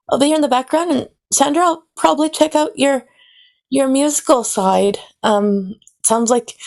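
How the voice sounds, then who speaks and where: Slow, hesitant young woman. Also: on the high side, creaky, darkish tone. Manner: hesitant, many fillers. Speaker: listener sitting in. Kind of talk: casual chat.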